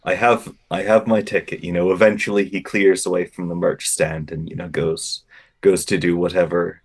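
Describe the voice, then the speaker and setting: A man's voice: sits low, level tone, moderate pace, husky. A man telling a casual, funny story as a podcast guest, with wry, dry self-deprecation and a stammering, phrase-repeating delivery.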